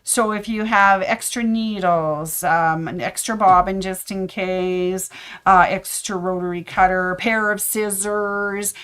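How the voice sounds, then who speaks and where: A middle-aged woman, a sewing shop host giving casual tips, chatty and rambling, her voice slightly hoarse. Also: mid-range voice, a bit bright. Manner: chatty, rambling with fillers and asides.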